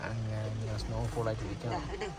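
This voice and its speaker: A travel vlogger with a Malayali accent delivers casual, exclamatory commentary, often repeating short phrases. His voice is on the low side with huge pitch swings and a fast pace, captured on noisy location audio full of ambient din.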